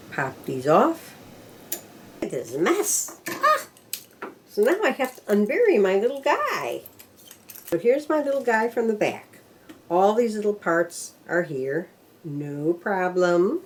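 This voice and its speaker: An older woman with a medium-pitched, somewhat dark voice casually shows how to machine knit step by step. As a knitting instructor, she talks to herself while she works, counting the rows out loud.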